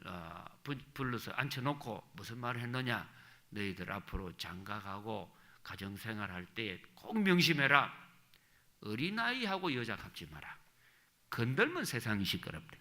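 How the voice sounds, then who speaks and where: A man's voice: mid-range voice, bright, forceful tone. A middle-aged male pastor preaching a sermon, telling stories with emphatic rising peaks.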